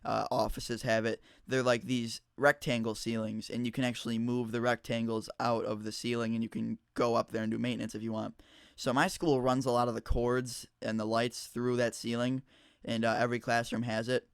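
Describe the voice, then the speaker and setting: A man's voice: medium pitch, little pitch movement, moderate pace, creaky, smooth, no room sound, studio quality. A teenage boy telling a school story to his viewers in a rambling, casual way with lots of fillers. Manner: rambling, chatty, frequent fillers and restarts. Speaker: YouTuber.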